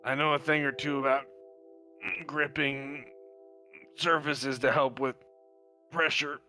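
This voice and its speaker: A cranky man hunched in a bar bathroom stall, short-tempered and terse, as a game master puts him on. His voice has a bright, forceful edge. Faint music plays underneath. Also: mid-range voice, flat delivery, slow pace. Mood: irritated. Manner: gruff, irritated, terse. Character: grumpy man straining on a bar toilet. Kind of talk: tabletop role-play voice.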